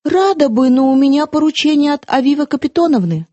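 A woman's voice: high voice, expressive, fairly quick, mellow, dull audio, pitched above the performer's own voice. A woman reading an audiobook, voicing a kind young woman who urgently begs a quarrel to stop. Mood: pleading. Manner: urgent, pleading.

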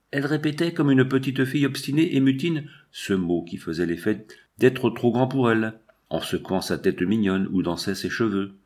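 A middle-aged man reading a literary novel aloud in a measured, grave manner, dropping to a soft murmur in quiet passages. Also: fairly low pitch. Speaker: audiobook reader. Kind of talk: literary audiobook narration.

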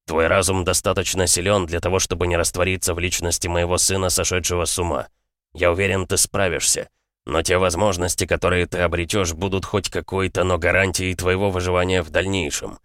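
A man voicing a calm older aristocrat father in an audiobook, measured and coldly matter-of-fact. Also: deep voice, no echo, clean studio sound. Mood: insistent. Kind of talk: audiobook character voice.

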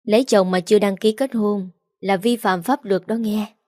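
A woman's voice: medium pitch, steady tone, moderate pace, warm tone, dry recording, clean studio sound, lightly acted. A woman reading the part of a resolute older man who speaks bluntly.

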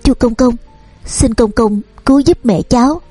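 A woman's voice: on the high side, moderate pace, warm tone, husky, no echo, faint music behind. A woman voicing a desperate young peasant girl who pleads through tears in a storybook reading. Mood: pleading. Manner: sobbing, begging.

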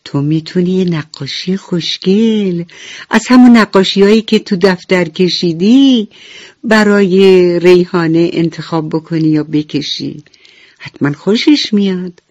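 Woman playing a gentle, kind nurse. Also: on the low side, dry recording, pitched above the performer's own voice, lightly acted. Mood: tender. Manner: gentle, soothing. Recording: dull radio recording with faint music.

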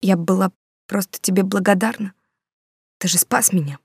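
A woman voicing a guilty young woman who speaks softly and haltingly, close to tears, apologizing as she leaves. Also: mid-range voice, breathy edge, no echo. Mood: tearful, soft. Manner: soft, halting, apologetic, near whisper. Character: young woman, guilty, tearful, leaving her lover.

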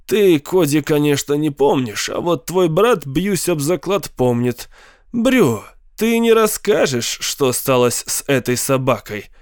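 Coaxing scheming uncle, middle-aged, man doing it, smooth voice, pitch up a bit from his reading. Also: animated, unhurried, dry recording, clean studio sound. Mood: sly.

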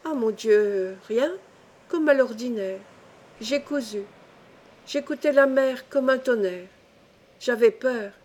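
A woman's voice: fairly high pitch, slow pace, pauses often, a little mellow. A woman voicing an anxious, guilt-ridden fisherman's wife who speaks in trembling, fretful tones. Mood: nervous.

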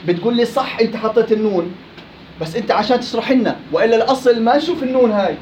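Quizzing and playfully teasing his students, a Levantine-accented man teaches Quran recitation rules in a live class, speaking very quickly in a very high voice. The lively lesson comes through on a dull, lo-fi classroom recording with a bit of hiss or hum.

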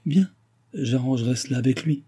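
A man's voice: mid-range voice, moderate pace, mellow, husky, pitched above the performer's own voice, natural voice. A man voicing a gracious, charming young princess who gives courteous orders.

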